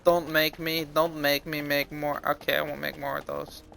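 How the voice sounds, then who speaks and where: A man's voice: on the high side, level tone, normal speed, vocal fry, sharp tone, a little hiss or hum. A young man livestreaming as host, chatting casually and cracking crude, sweary jokes.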